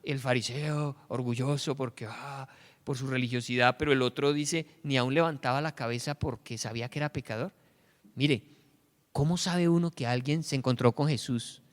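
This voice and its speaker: A man with a Colombian accent preaching a sermon as pastor, animated, acting out the voices of the people he quotes. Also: mid-range voice, moderate pace. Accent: Colombian Spanish. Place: church sanctuary. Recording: echoey church hall.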